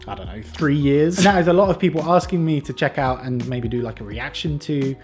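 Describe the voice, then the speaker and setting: A young man chatting casually on his vlog, self-deprecating and jokey, dropping into quiet mutters for his asides. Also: mid-range voice, lively intonation, fairly quick, faint music behind. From Britain. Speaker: YouTuber reacting to a book.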